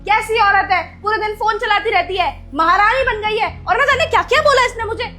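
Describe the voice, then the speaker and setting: A woman acting as a young mother of a seven-year-old girl, scolding loudly at times and speaking gently at others, in a family drama skit. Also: extremely high pitch, fairly quick.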